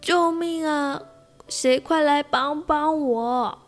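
A woman voicing a loud, mischievous young male bear in a children's storybook, shouting her lines. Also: on the high side, expressive, extremely slow, soft background music. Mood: pleading. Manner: shouts his greetings.

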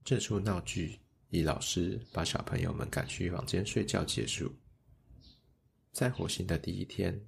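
Male storyteller, children's story narration, very low voice, gravelly, gentle measured delivery. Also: a little hiss or hum.

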